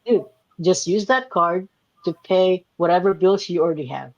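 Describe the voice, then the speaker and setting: A high-pitched young man from the Philippines, here as a guest entrepreneur, answers interview questions casually at a moderate pace. He explains loosely, filling his speech with "like" and checking in with "right?" often. There's no echo, but the audio is dull.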